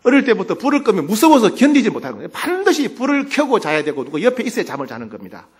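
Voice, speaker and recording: A male pastor delivering a sermon who moves between loud exclamations and quiet, earnest asides, acting out dialogue as he retells scripture. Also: high voice, huge pitch swings, fast, breathy edge.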